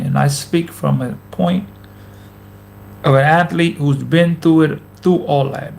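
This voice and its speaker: Speaking into a camera mic, a thirty-something man who once played pro basketball runs a laid-back motivational vlog. He has a slightly high voice with vocal fry, and he hammers his points home with repetition and plenty of slang.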